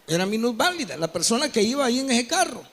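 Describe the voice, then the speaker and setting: A man preaching a sermon with a Salvadoran Spanish accent, telling stories animatedly, acting out dialogue and breaking into shouts, often checking in with his congregation. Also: extremely high pitch, fast talker. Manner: animated storytelling with frequent asides to the congregation; acts out quoted dialogue and bursts into shouting. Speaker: pastor.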